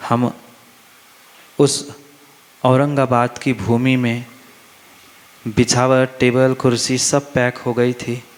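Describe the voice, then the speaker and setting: A man's voice: medium pitch, level tone, slow pace, pauses often. Man preaching to a festival gathering, insistent and repetitive, big echoing hall. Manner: emphatic, repeats phrases, asks the crowd questions. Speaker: Jain monk preacher. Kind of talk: sermon. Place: large hall at a religious festival. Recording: long reverb of a large hall.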